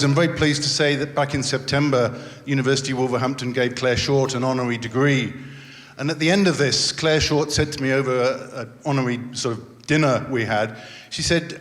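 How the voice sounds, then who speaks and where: A middle-aged male academic asks a pointed, animated question into a handheld mic in a lecture hall. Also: medium pitch. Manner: animated, pointed, mildly indignant. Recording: long hall reverb.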